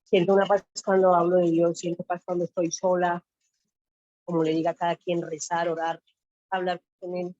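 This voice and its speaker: Woman, excited emotional testimony, low dark voice, dry dull call sound. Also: moderate pace, no room sound. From Colombia. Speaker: caller sharing testimony. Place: home office.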